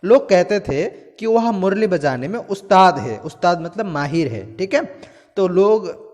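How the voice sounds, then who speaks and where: A man teaching a class, walking through a story step by step, glossing hard words and often pausing to check in. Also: high voice, animated, a little mellow. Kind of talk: explaining a textbook story to students. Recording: long hall reverb.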